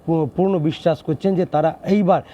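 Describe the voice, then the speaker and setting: A man reporting news, with halting, repetitive phrasing. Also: a little high, steady tone, mellow. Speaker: field reporter. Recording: dull lo-fi audio.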